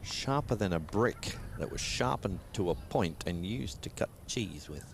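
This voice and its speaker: Male cricket commentator, lower voice, lively swings in pitch, joking banter, faint outdoor noise. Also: unhurried, gravelly. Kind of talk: casual live sports commentary.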